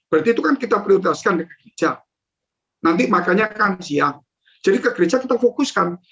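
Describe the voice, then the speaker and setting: A man's voice: high-pitched, fairly bright tone. A male pastor giving a conversational sermon, telling stories and addressing the congregation directly. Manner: conversational storytelling, addresses listeners as "saudara". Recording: dull lo-fi recording.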